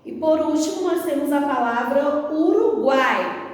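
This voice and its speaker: A Brazilian woman teacher giving a slow, patient lesson to young children, breaking words into syllables. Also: high voice, animated. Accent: Brazilian Portuguese. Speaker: primary school teacher. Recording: echoey room, voice from a distance.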